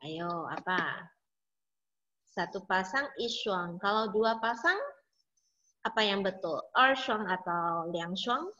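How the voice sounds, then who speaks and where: A woman's voice: mid-range voice, animated, slow, long pauses, bright, forceful tone. A woman teaching an online language class, explaining each word patiently and repeating drill words three times. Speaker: Mandarin teacher. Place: home, online video class. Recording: slightly dull lo-fi audio.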